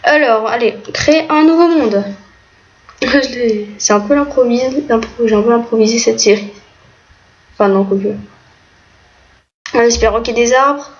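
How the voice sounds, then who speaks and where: A woman's voice: fairly high pitch, moderate pace. A woman giving casual, hesitant commentary while playing a game, with many fillers. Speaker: gaming video creator. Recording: muffled lo-fi mic, faint noise, keyboard clicks.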